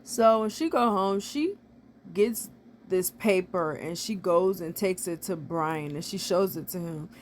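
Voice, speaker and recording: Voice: medium pitch, a little slow, a little hiss or hum. Chatty, blunt movie recap vlogger. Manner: chatty, filler-heavy retelling with frequent "like"; blunt, opinionated asides. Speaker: movie reviewer. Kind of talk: casual real-time movie recap.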